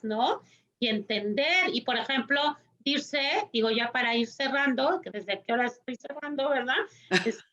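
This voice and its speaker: A woman's voice: sits high, lo-fi sound. A woman, speaking as a psychologist on a panel, thoughtful and full of tag questions. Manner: slow, thoughtful, tag questions, animated quoting. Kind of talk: panel discussion talk.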